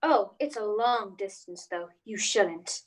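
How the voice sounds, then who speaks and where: A woman's voice: medium pitch, lively intonation, takes it slowly. A woman playing a polite, indulgent housewife and mother in a radio play. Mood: warm, polite.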